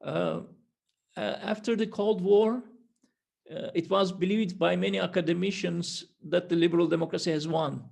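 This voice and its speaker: A male interviewer asks formal questions in a strongly gravelly, husky voice. His pitch runs fairly high for a man, and he adds brief acknowledgements as he listens. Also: steady tone, normal speed, a little mellow.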